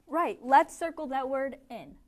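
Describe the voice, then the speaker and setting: A young woman tutoring a small group of adult English learners in a classroom, giving clear, encouraging instructions. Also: high-pitched, expressive, measured pace. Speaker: ESL tutor. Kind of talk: teaching a small group lesson.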